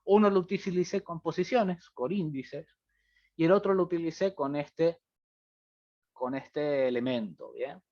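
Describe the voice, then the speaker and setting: A man's voice: a little high, measured pace. A man teaching a programming class, thinking aloud as he types code and checking in with students often. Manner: thinks aloud while typing, many fillers like "fíjense" and "bien". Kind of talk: live-coding class explanation. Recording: dull lo-fi audio.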